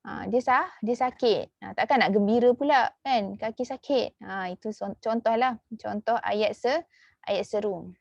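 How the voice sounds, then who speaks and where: A woman with a Malaysian Malay accent teaching a lesson, filling her talk with "okey" and "ha" and repeating key words slowly. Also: a little high, vocal fry, darkish tone, dry recording, highs cut off. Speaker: religious school teacher. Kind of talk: online class lesson.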